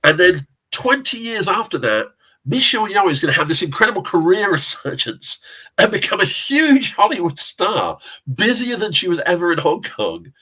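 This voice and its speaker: A middle-aged Englishman with a South London accent, a casting director and actor appearing as an interview guest, tells rambling film-industry anecdotes in a casual chat, laughing often and swearing now and then. His high-pitched voice is very animated, bright, forceful and husky at a normal speed, and the recording is rough.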